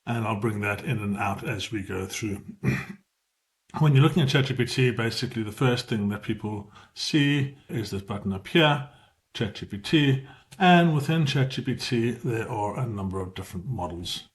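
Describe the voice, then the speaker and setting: A middle-aged tutorial presenter with a South African accent speaks in a lowish, animated voice at a moderate pace. He guides viewers through a casual screen share, explaining informally and correcting himself as he goes.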